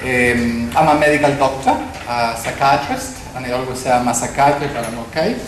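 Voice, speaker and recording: A man's voice: medium pitch, brisk. A middle-aged man from Argentina, giving a conference talk full of anecdotes and self-deprecating humor. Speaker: conference speaker. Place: conference hall. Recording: echoey hall with background noise.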